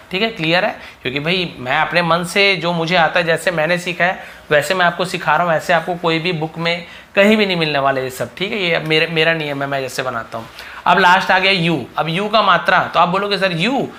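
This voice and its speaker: A man's voice: fairly high pitch, bright, forceful tone. A young man teaching English reading as a lesson, stretching and repeating vowel sounds to demonstrate pronunciation. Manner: drawn-out phonics demonstrations, addresses viewers as sir-style students. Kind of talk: spoken lesson at a board.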